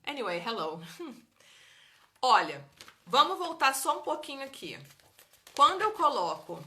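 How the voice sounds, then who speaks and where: A woman who speaks Portuguese as her first language, teaching an English grammar lesson on a live stream in a lively, chatty way and answering viewers' comments. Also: high-pitched, slow pace. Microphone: phone or webcam for a live stream.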